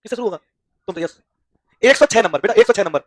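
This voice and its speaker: A man's voice: sits high, expressive, quick pace, dry recording, studio quality. A male maths teacher leading a classroom lesson, firing call-and-response questions at his students and teasing them with folksy humor.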